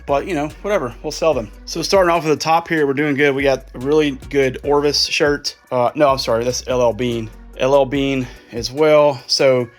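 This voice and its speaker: Man, casual vlog chatter, slightly winded, faint background music. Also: mid-range voice. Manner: chatty, thinking aloud while sorting clothes. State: out of breath. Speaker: resale vlogger.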